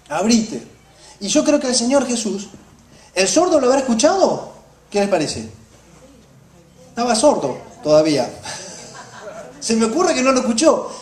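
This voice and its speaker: A woman preaching a sermon, questioning her congregation and swinging between loud exclamations and hushed asides. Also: a little high, roomy sound.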